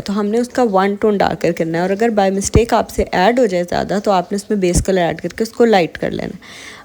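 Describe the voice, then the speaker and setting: Mellow-voiced woman teaching fashion illustration. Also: fairly high pitch. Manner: explanatory, mixing Hindi-Urdu and English, with fillers. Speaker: fashion and textile instructor. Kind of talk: art tutorial voice-over.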